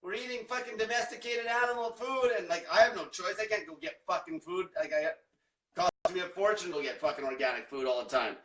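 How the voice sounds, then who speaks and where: Profane ranting man, high bright voice. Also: brisk, reverberant, distant mic. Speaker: diet coach. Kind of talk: livestream rant.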